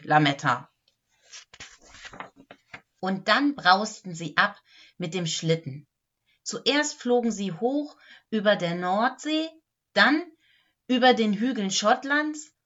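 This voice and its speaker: A woman in a clown role reading a Christmas storybook aloud, playful and animated. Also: mid-range voice, dull audio.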